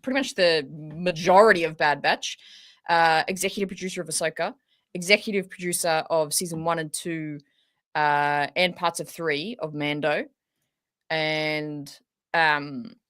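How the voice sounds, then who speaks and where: A woman's voice: low voice, fairly even intonation, a little slow, fairly bright tone. An Australian woman co-hosting a fan talk show, chatting casually in an informal, slangy and enthusiastic way. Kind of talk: casual chat.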